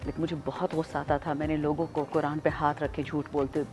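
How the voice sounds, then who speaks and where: A woman from Pakistan, a politician, chatting as a guest in an interview, freely mixing Urdu and English in an animated, self-mocking way. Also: low-pitched. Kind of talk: casual interview chat.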